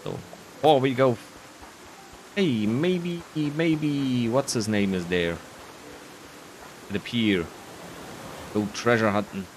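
A man narrates his own gameplay in casual, rambling commentary, muttering self-deprecating asides. His mid-range voice moves slowly with long pauses, over faint game music and a little hiss or hum.

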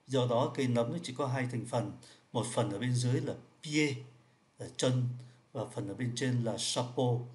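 A man's voice: mid-range voice, darkish tone. Patient man explaining French riddles. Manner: patient, repeats each point, slows down for French words. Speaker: French teacher.

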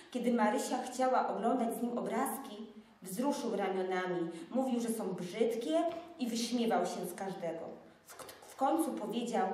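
A woman reading a fairy tale aloud in a measured, expressive way, recorded in an echoey room from far off. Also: medium pitch.

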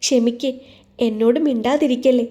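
A woman voicing a tearful, guilt-ridden young woman pleading softly with a friend, in an audio storybook. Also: on the high side, steady tone, moderate pace, natural voice. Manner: pleading, soft.

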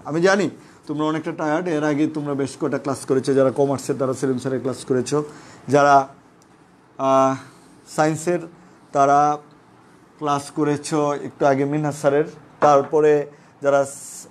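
Patient teacher man, slightly high voice. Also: darkish tone. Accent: Bangladeshi Bengali. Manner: patient, repetitive explaining, addresses students as friends. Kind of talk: live online class on Bengali pronunciation.

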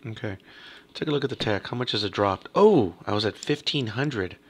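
A man casually talking through a strategy game as he plays, half muttering to himself, slightly hoarse from a cough. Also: on the low side, lively intonation, brisk, slight background noise. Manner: muttering to himself while playing. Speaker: gaming video host. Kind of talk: casual let's-play commentary.

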